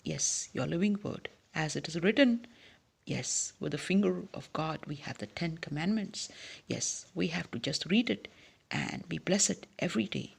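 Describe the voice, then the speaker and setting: Speaking at normal speed and medium pitch, a preacher delivers a forceful devotional sermon in a husky, gravelly voice. Hushed asides give way abruptly to loud emphasis, and a regular "yes" fills the pauses between phrases.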